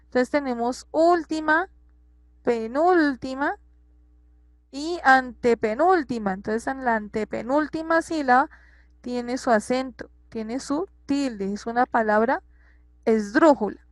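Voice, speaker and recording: A woman's voice: sits high, unhurried, dry recording. A woman teacher explaining a grammar lesson patiently, repeating examples and checking that her students follow.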